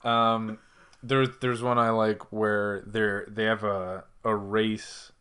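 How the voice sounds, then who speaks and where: A man's voice: fairly low pitch, level tone, slow pace, fairly bright tone, clean tone. A man co-hosting a podcast, recounting anime scenes with wry, dry remarks in a casual review chat. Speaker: podcast co-host.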